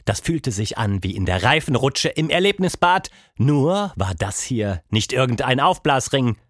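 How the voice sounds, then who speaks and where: A man reads a children's story aloud with a very lively, rising and falling delivery. The recording is close and dry, with no room sound. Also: medium pitch, measured pace, no room sound. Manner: lively expressive reading. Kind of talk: children's audiobook narration.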